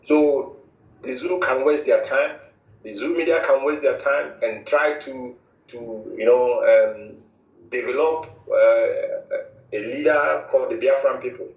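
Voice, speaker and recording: A Nigerian man, a movement spokesman interviewed on radio, delivers a formal statement slowly and emphatically at medium pitch, with repetitive declarations. His speech is halting, with many restarts and fillers, and the echoey line gives distant, dull lo-fi audio.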